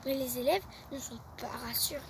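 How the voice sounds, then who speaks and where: A young woman reading a children's bedtime story aloud, with a lively read-aloud manner. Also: high voice, a little fast, creaky, distant mic, noisy background.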